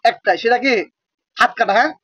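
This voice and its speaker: Questioning teacher, muffled. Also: male voice, extremely high pitch, bright, forceful tone, dry recording. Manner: asks students constant questions, repeats answers, dictates slowly. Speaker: madrasa teacher. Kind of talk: classroom lecture with call-and-response questions.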